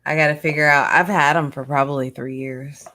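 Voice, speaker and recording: A woman's voice: sits low, steady tone, brisk, sharp tone. A woman co-hosting a craft livestream in casual chat, rambling and self-deprecating.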